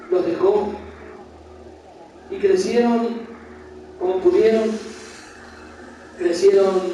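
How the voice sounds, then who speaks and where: A man's voice: sits high, warm tone. A man, preaching a Bible study sermon in a church hall and putting questions straight to the congregation with passion. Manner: impassioned, questions the congregation directly. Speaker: pastor. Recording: very echoey hall, voice from far off with background noise.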